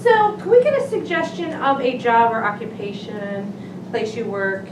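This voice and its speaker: A woman's voice: on the high side, moderate pace. A woman hosting a live improv show, chatty and laughing as she coaxes suggestions from the audience. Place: small theater stage. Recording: far, echoey room with crowd noise.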